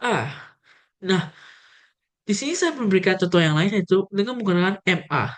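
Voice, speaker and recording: A woman's voice: medium pitch, expressive, fairly quick. Young woman teaching Mandarin tones. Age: young adult. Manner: friendly, addresses viewers directly, demonstrates tones. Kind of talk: casual video lesson.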